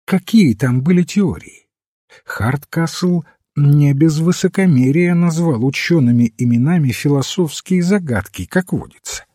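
A man voicing a mild, thoughtful old priest-detective who calmly reasons a case through, in a storybook reading. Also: a little high, a little slow, dry recording, studio quality. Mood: explaining. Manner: calm, reasoning, gently explaining. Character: mild, thoughtful elderly male priest-sleuth.

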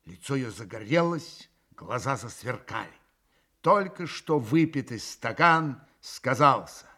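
Slow, expressive male audiobook narrator. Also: mid-range voice. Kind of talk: audiobook reading.

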